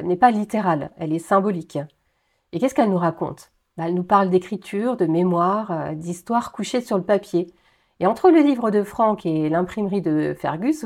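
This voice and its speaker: A woman hosting her own video channel, reviewing a TV series in a lively, expressive way with frequent "euh" fillers. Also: on the low side. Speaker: YouTube host reviewing episodes of a TV series. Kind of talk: enthusiastic video commentary, partly scripted.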